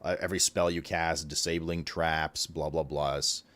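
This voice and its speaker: A man's voice: a bass voice, little pitch movement, normal speed, fairly bright tone. A man streaming, chatting casually about a game, swearing freely and laughing often.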